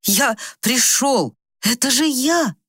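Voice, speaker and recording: A woman's voice: high voice, animated, slow pace, a bit bright, slightly rough, no echo, studio quality, voice pushed up, full character voice. Woman reading a timid, eager old man. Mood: eager, pleading. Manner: pleading, timid.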